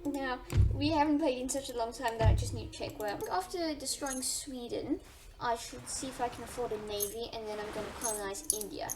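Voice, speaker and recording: A woman with a fairly high voice speaks a little fast while playing a strategy game, thinking aloud and casually telling viewers about her moves in let's-play commentary. The mic is distant, and loud game music plays in the background.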